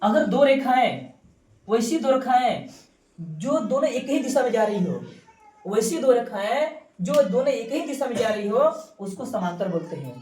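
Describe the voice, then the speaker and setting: A woman with a fairly high, dark-toned voice teaches maths to a class, repeating each key term and constantly quizzing her students. Her pitch swings widely at a normal speed. She's recorded from a distance in a roomy, echoing classroom with faint background noise.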